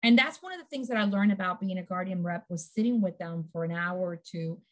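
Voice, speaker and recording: A middle-aged woman talking as a guest in a casual conversation, telling lively stories and acting out quotes. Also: lowish voice, quick pace. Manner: lively storyteller, acts out quotes.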